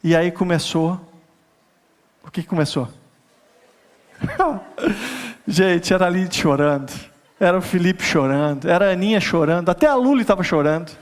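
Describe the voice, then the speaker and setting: A man's voice: sits high, normal speed, long pauses. A middle-aged man from Brazil, preaching a storytelling sermon and laughing often as he tells it. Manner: animated, laughing storyteller who builds to a rising appeal. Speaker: pastor.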